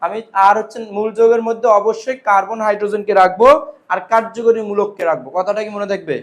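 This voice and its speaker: High-voiced male chemistry teacher. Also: fairly even intonation, fast talker. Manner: drills students with repeated questions and answers. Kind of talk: classroom lecture with call-and-response questions. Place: classroom.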